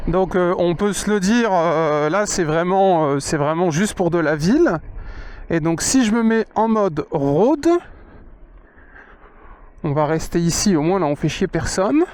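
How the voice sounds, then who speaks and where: A man's voice: sits high, animated, measured pace, a little mellow. A man giving casual, informal ride-along commentary, thinking aloud, his voice muffled inside a motorcycle helmet. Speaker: motovlogger test-riding an electric motorcycle. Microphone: microphone inside the helmet.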